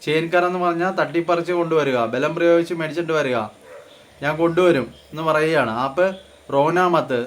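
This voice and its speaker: A Malayalam-speaking man teaching spoken Hindi in a casual lesson, explaining phrases word by word with many pauses and repetitions. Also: on the high side, fairly even intonation, a little hiss or hum. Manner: repeats phrases slowly, explains word by word with fillers; slows down and speaks louder for Hindi example lines.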